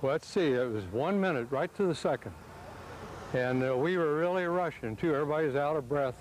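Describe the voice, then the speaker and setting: A man's voice: a little high, moderate pace, low-quality recording. An older man talking easily and with dry humor in an outdoor news interview in a small park. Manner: easygoing, dryly humorous, chuckling.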